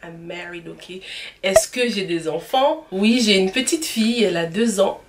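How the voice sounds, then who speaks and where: A woman's voice: mid-range voice, animated, a little slow. A woman in her twenties from Cameroon, hosting her own channel and answering viewers' personal questions in a chatty, often laughing way. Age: 20s. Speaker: YouTube channel host. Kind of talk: casual Q&A vlog.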